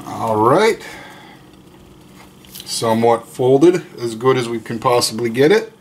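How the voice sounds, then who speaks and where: A cooking vlog host in his thirties, with an expressive, medium-pitched voice, makes a casual home video in his kitchen and dining room. He talks slowly and jokingly while cooking and tasting, chewing between remarks, with a little hiss or hum in the audio.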